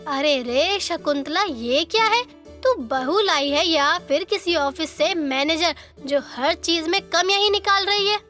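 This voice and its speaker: A high-voiced, gossiping old neighbor in her sixties, scolding and taunting in a cartoon story. Faint music runs underneath. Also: a little slow, sharp tone, full character voice. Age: 60s. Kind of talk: animated story dubbing.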